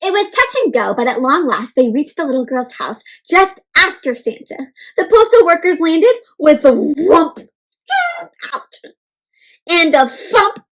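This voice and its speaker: Reading to kids in a high-pitched voice, a little slowly, this woman keeps the story lively and interactive. She poses questions to her young audience and adds playful exclamations and sound effects.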